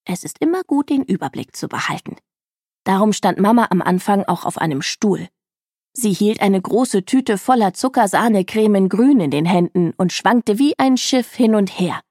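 A woman reading a children's book aloud as a first-person narrator, telling it expressively with lively rises in her voice. Her pitch sits in a middle range, and the recording is dry and close, with no echo. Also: normal speed. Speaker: audiobook reader.

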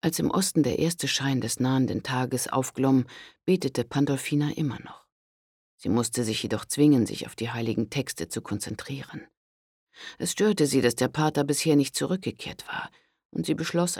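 Calm male audiobook narrator, dry close sound. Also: medium pitch, husky, no echo. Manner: calm and measured. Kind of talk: scripted historical audiobook narration.

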